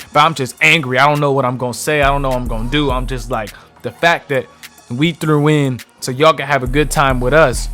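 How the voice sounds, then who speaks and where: A man's voice: medium pitch, bright, forceful tone. A young man telling a heated, profane storytime about his own night out. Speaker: vlogger. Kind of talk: casual storytime.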